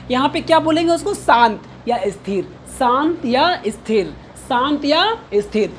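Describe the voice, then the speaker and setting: A woman's voice: sits high, a little hiss or hum. A woman teacher giving a pronunciation lesson, explaining words and drilling each one aloud over and over, asking and answering her own questions. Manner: drills each word by repeating it many times, asks and answers own questions. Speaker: English teacher.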